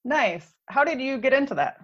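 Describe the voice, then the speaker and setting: A woman's voice: high-pitched, big pitch swings, moderate pace, a bit bright, no room sound, lo-fi sound. A woman hosting a podcast in an informal, emphatic conversational way. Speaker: podcast host.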